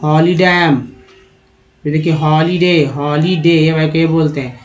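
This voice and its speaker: A man giving a spoken lesson on reading English words, explaining patiently, spelling letters out slowly and repeating words, addressing viewers as friends. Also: a little high, flat delivery, muffled recording. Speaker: English teacher.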